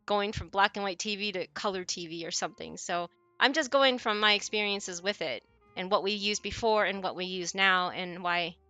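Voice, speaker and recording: A woman's voice: mid-range voice, moderate pace, bright, forceful tone, no echo, soft background music. A woman in her forties, chatting casually with viewers on her stream, rambling and often correcting herself mid-sentence. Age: 40s.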